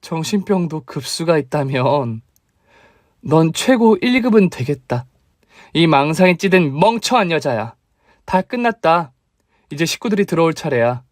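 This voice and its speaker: A man's voice: a little high, big pitch swings, moderate pace, dry recording, clean studio sound, pitched above the performer's own voice. A man voicing a young wife who taunts and scorns her rival in a radio drama. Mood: taunting. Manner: sneering and taunting. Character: mocking, triumphant wife, young woman.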